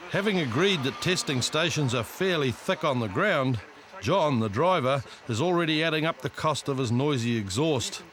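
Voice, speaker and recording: A man's voice: a little high, lively intonation, moderate pace, fairly bright tone, a little hiss or hum. A man with a New Zealand accent reading scripted narration for a police documentary. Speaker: reality show narrator.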